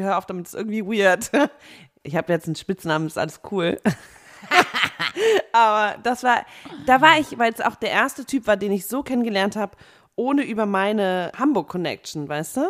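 A woman's voice: medium pitch, fairly quick. A young woman co-hosting a chatty podcast, telling a story in a rambling way, full of fillers and laughter. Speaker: podcast co-host. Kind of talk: casual chat.

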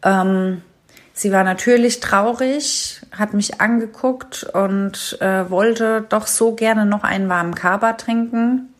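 Woman recording a voice memo, relaxed storyteller who pauses with fillers. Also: medium pitch. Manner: unhurried storytelling with many fillers. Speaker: listener sending a voice message; mother. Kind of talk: casual spoken anecdote.

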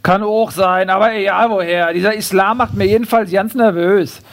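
A man's voice: high-pitched, fairly even intonation, moderate pace, a bit bright. A man doing a nosy bigoted woman neighbor. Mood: gossipy. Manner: gossipy, suspicious.

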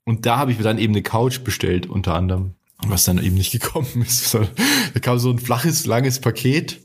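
A man's voice: mid-range voice, lively intonation, moderate pace, breathy edge. A man co-hosting a casual podcast, telling rambling personal anecdotes full of restarts and asides. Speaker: podcast co-host. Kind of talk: casual chat.

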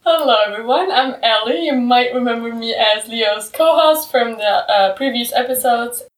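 A woman's voice: on the high side, moderate pace, far from the mic. A woman co-hosting a casual podcast chat, speaking in an earnest, reflective way. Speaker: podcast co-host. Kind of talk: casual round-table chat. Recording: roomy sound, a little off-mic.

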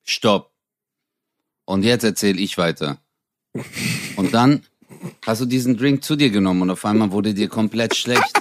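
A young man co-hosting a comedy podcast, telling stories in a lively, casual way and acting out the voices of people in them. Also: fairly low pitch, measured pace, long pauses. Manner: animated, acts out voices in anecdotes, laughs often. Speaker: podcast co-host. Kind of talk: casual comedic chat, storytelling.

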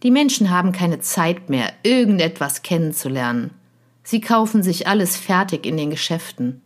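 A woman voicing a gentle, wistful male fox in a storybook reading, talking in an earnest, pleading manner. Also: fairly low pitch, expressive, normal speed.

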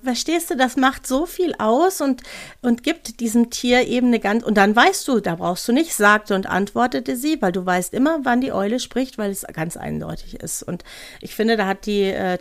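A woman from North Rhine-Westphalia, a podcast co-host and author, chatting enthusiastically about writing, with quick bursts of speech. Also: mid-range voice. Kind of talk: casual chat about writing.

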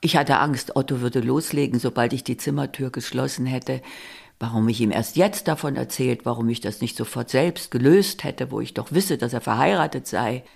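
A woman reading a novel excerpt aloud in measured, intimate first-person narration. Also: very deep voice, gravelly, darkish tone, slightly rough. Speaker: reader.

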